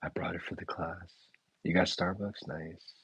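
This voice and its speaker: A man's voice: low voice, flat delivery, moderate pace, a bit bright, breathy edge, no room sound, low-quality recording. A man hosting a casual live chat, reading viewer comments aloud and riffing on them in a laid-back way. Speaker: chef and restaurant owner hosting a live chat. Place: indoors, talking to a live chat.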